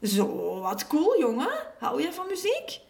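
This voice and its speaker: Storybook neighbour: bold, theatrical opera lady with a gravelly edge, as a woman puts her on. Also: high-pitched, wildly swooping pitch, measured pace, a little mellow, pitched above the performer's own voice, exaggerated voice. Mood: delighted. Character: glamorous female opera-singing neighbour, bold and warm.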